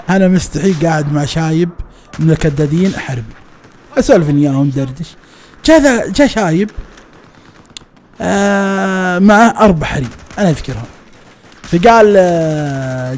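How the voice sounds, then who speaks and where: A man with a Saudi Najdi accent telling a personal story in a casual, lively, colloquial way, often laughing and acting out the people he talks about. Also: on the high side, a little hiss or hum. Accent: Saudi Najdi Arabic. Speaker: storyteller recounting his past.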